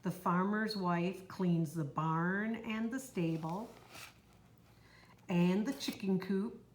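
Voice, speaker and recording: A woman reading a children's picture book aloud in a slow, even, clear storytelling manner. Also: lowish voice. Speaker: storybook reader. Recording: roomy echo, faint noise.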